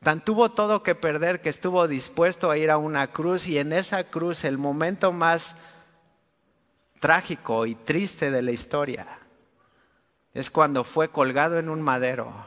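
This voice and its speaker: High-voiced preacher in a reverberant hall. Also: male voice, a little slow, a bit bright. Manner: colloquial, earnest, addresses listener directly. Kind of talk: conversational sermon. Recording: long reverb, dull lo-fi sound.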